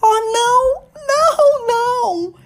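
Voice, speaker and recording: A tearful young woman in a storybook, crying out high and shrill in anguish, as a woman reader acts her out. Her pleas swing wildly up and down. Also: expressive, slow pace, a little mellow, full character voice. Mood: terrified pleading.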